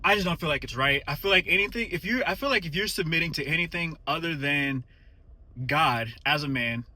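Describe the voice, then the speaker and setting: A man's voice: fairly high pitch, a little fast, pushed and bright, no room sound. A man talking casually to his phone camera while driving, a little out of breath after the gym, thoughtful and hesitant with many fillers. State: slightly out of breath. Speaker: vlogger. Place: inside a car.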